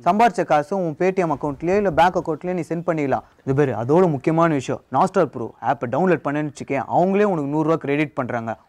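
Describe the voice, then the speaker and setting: A young man playing a pushy student hustler who rents out fake parents, calling out loudly in a comedy sketch. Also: fairly high pitch, close to an everyday voice. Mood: persuasive. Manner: shouting hawker calls, fast and pushy. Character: loud fast-talking male student hustler renting fake parents. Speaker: rent-a-parent hawker. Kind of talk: Tamil comedy sketch acting.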